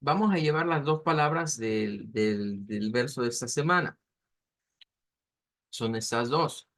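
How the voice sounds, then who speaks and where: A man teaching an online language class, explaining step by step and slowly modeling pronunciation. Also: medium pitch, expressive, a bit bright.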